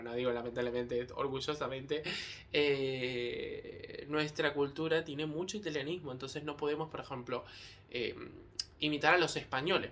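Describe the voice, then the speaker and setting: A man from Argentina with a Rioplatense accent, talking casually to his viewers in a rambling, hesitant way with lots of filler pauses. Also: on the high side, a bit bright. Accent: Argentine Rioplatense Spanish. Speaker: vlogger. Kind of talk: casual talk to camera.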